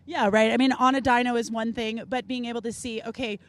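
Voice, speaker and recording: Hosting a live show outdoors at a rally, a woman interviews guests on-site in a chatty, enthusiastic way. Her delivery is brisk with a steady tone, though she mimics quotes with dramatic leaps in pitch.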